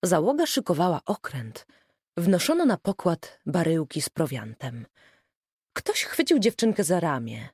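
Low, expressive woman reading a story aloud. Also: measured pace, husky, no room sound, clean studio sound. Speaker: narrator. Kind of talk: audiobook narration.

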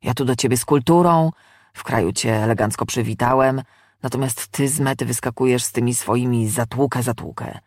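A woman's voice: a bass voice, a little fast, darkish tone, no room sound, clean studio sound. A woman voicing a chatty, sarcastic male demon who mocks and rambles on at length. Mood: mocking. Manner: mocking, long-winded, indignant.

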